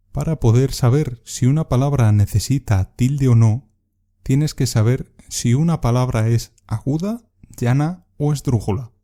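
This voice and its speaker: A man hosting a podcast lesson, reading a script in a measured way and drawing out the stressed syllables of example words. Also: medium pitch, mellow. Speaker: Spanish teacher and podcast host.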